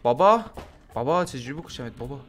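A man hosting a casual let's-play video, joking, excitable and swearing freely. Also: mid-range voice. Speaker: gaming video host. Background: game music.

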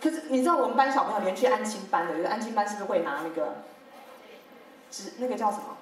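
A woman's voice: medium pitch, fast talker. Taiwanese lady teacher telling class stories at a workshop, far from the mic, super echoey hall. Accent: Taiwanese Mandarin. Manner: lively storytelling, acting out pupils' lines with laughter. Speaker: teacher sharing classroom methods.

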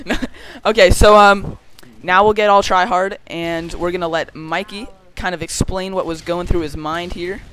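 Bright high-voiced teen boy, excitable. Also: a little slow, smooth. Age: teens. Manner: excitable, giggly, rambling with fillers. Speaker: channel host. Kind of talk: casual gameplay commentary. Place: home.

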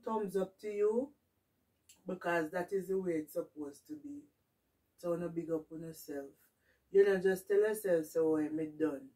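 A woman's voice: lowish voice, a little mellow. A middle-aged woman with a Jamaican accent chatting casually to camera, giving advice emphatically, repeating her points and slipping into Patois. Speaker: vlogger. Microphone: distant camera mic. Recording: distant camera microphone in a room.

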